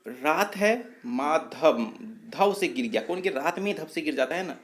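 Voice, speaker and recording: This man's voice is a little high, with lively intonation and an unhurried pace. Teaching memory tricks for exams, he explains step by step, repeats his points, answers his own questions, and corrects his slips.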